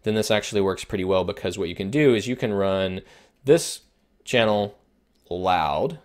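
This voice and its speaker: A man with a somewhat low voice walks through recording tips as an instructor. He talks casually, with fillers and restarts as he explains. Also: fairly quick. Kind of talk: video production lesson.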